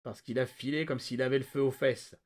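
A man voicing a calm, menacing male agent who speaks slowly and quietly. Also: medium pitch, natural voice. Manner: slow, quiet, even.

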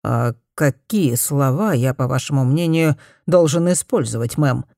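A woman reading an audiobook, voicing a blunt, matter-of-fact male doctor in a slightly lower voice. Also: lively intonation, unhurried, gravelly, dark tone, no room sound, clean studio sound, exaggerated voice. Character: blunt plain-spoken male country doctor.

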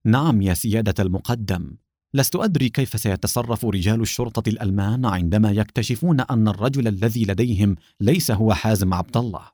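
A man's voice: lowish voice, expressive, very fast, hardly any pauses, a little mellow, slightly rough, no echo, clean studio sound. Man voicing an anxious young woman officer. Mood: sad. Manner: anxious, pleading. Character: young female lieutenant, loyal and worried.

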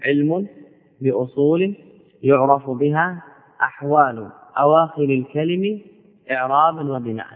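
A man teaching grammar as a sheikh, in a classical lecture style, who repeats key words slowly and asks and answers his own questions. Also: a little high. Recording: phone-like audio in a long-reverb hall.

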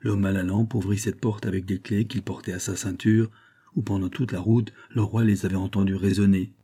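Man, audiobook narration, low pitch, husky, measured. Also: steady tone, warm tone. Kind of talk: scripted narration of a classic novel.

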